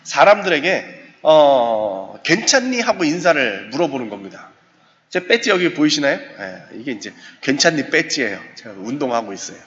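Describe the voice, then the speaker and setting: A man, a professor, giving a lively seminar talk in a church, acting out little exchanges with his listeners. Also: on the high side, brisk. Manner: animated, acts out short dialogues with the audience. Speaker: professor lecturing on suicide prevention. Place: church sanctuary. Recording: muffled recording, long church reverb, faint hiss.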